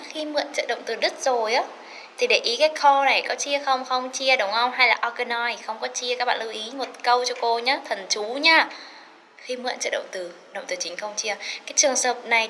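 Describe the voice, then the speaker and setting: A woman teaching an English lesson, chatty and encouraging, slowly repeating words to drill their pronunciation and mixing in English phrases. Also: fairly high pitch, sharp tone, slight background noise. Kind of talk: recorded classroom lesson.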